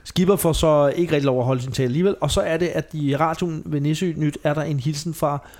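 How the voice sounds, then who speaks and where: A man's voice: fairly high pitch, steady tone, a little mellow. A man hosting a podcast, chatting casually and retelling scenes with quoted lines and frequent laughs. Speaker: podcast host. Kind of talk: casual chat recapping a TV show.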